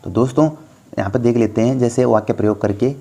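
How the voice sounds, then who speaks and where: A man's voice: mid-range voice, steady tone, fast, warm tone. A young man tutoring viewers through a Hindi grammar lesson for exams, explaining patiently and often calling them friends. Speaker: exam tutor.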